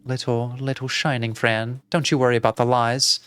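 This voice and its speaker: A man voicing a sinister, soft-spoken aunt in a video game, speaking low and hushed like a lullaby. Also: little pitch movement, normal speed, smooth, no echo, natural voice.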